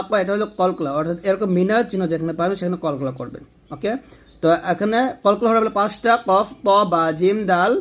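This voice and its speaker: A man teaching Quran reading by spelling out letters and vowel marks, then slowly repeating each word three times. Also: high-pitched. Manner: switches between quick explaining and drawn-out chanted recitation.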